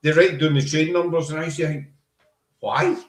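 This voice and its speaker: With a slightly high, steady voice at normal speed, a Scottish podcast host from Glasgow leads a casual chat, rambling chattily and emphatically. The room gives the audio an echo.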